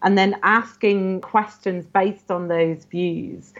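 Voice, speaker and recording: A woman's voice: medium pitch, steady tone, slow. A woman scholar in an interview, explaining ancient texts earnestly and often saying "you know". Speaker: guest scholar. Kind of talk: academic interview. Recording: muffled lo-fi audio.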